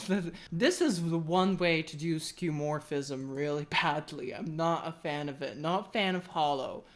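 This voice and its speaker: A woman from the UK chatting casually as a tech vlogger, rambling and ranting with opinions and casual swearing. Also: deep voice.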